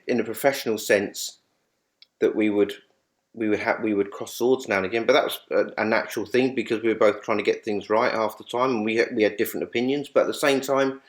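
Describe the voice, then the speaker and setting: A man being interviewed, reminiscing about a late colleague in a rambling, halting way with many restarts, growing animated when he retells funny stories. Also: on the low side. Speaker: guest.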